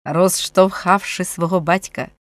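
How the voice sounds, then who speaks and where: Audiobook narrator, female, expressive storytelling, dead-dry close mic. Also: on the low side, a little slow, no echo.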